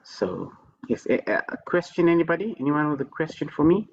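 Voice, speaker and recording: A man's voice: a little high, big pitch swings, brisk, vocal fry, highs cut off, a little hiss or hum. A man lecturing on programming over a video call, playful, repeating his words and teasing himself with mock self-praise. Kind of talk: online tutoring session.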